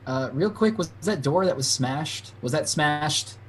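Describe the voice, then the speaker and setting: Unhurried, animated male game player. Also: a little high, slight background noise. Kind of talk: casual game-table chat.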